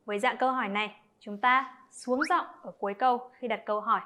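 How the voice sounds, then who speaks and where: A woman explaining an English lesson to children, talking to her pupils directly and clearly. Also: fairly high pitch, steady tone, fast, bright, forceful tone, slight background noise.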